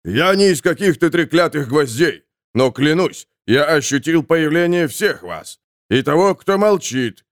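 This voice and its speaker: A man's voice: on the high side, animated, a little slow, dry recording. A man voicing a weary, sardonic male soul who talks dryly. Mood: wry. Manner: dry, sardonic.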